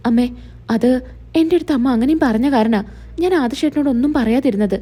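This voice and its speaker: A woman's voice: a little high, a little fast, mellow, breathy edge. Woman reading as a worried young wife. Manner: anxious, pleading.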